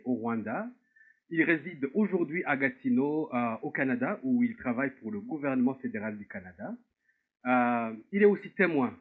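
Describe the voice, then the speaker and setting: A man hosts a television interview program, introducing his guest and asking questions in a polite, formal tone with occasional hesitant fillers. His voice is mid-pitched and comes across thin and narrow, like a phone line. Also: slightly rough. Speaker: talk show host. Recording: tinny phone-like sound.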